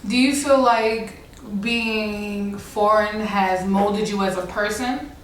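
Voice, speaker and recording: A woman hosting an interview, asking relaxed, slangy questions. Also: mid-range voice, takes it slowly, recorded from a distance, slight background noise. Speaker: interview host. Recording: echoey room, off-mic.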